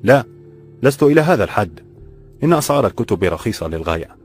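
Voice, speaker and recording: A man voicing a calm, kind old bookseller who speaks formal classical Arabic, in a slightly raised voice. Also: fairly low pitch, fast, faint music behind, pitched above the performer's own voice.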